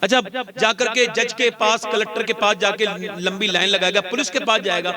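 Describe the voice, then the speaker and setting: A man preaching a sermon, telling stories with fervor and building to loud, emphatic peaks. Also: high-pitched, fairly even intonation, a little fast. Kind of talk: emotional sermon storytelling. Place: religious gathering with a live audience. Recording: crowd audible behind the voice.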